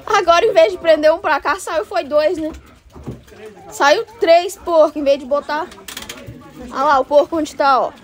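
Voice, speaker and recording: Chatty high-voiced woman on a farm. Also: normal speed, long pauses. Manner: chatty, coaxing animals with repeated calls. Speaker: vlogger. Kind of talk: casual farm vlog. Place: outdoors on a farm.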